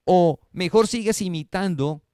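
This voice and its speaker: A man's voice: high voice, measured pace, dry recording, clean studio sound. A man preaching a sermon, asking the congregation questions and answering them himself. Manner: preaching with rhetorical questions, swings between loud and soft. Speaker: pastor. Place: church service streamed online.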